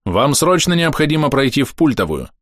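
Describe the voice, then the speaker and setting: A man voicing a calm, formal male ship pseudo-AI in an audiobook. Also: medium pitch, a little fast, dry recording, studio quality, pitched above the performer's own voice. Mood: composed. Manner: unflappable, formal.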